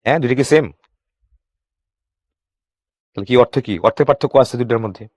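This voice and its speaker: A man teaching English for exams, asking his students quick questions and answering them himself. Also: medium pitch, a little mellow, dry recording. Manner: reads English sentences slowly, then explains. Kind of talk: exam-prep grammar lesson.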